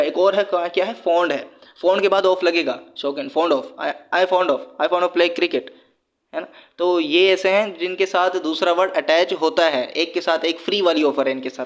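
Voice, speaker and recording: Chatty Pakistani teacher, slightly high voice. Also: male voice. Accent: Pakistani Urdu. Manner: chatty, jokey, laughs at his own asides. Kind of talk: casual exam-prep lesson.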